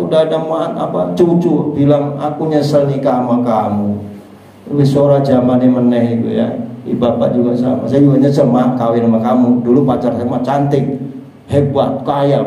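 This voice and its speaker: A man's voice: medium pitch, mellow, very echoey, distant mic, low-quality recording. An older man with an East Javanese accent giving a joking dawn religious talk in a prayer room. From East Java. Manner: joking, teasing the congregation. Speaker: preacher.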